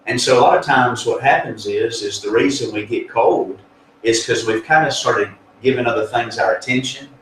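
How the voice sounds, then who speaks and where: A male pastor of middle pitch talks through his teaching in an earnest, down-to-earth way, pausing on fillers and restarting sentences. He sits well back from the mic in a very echoey room, with a faint hum of ambience underneath. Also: recorded from a distance. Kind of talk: conversational spiritual teaching.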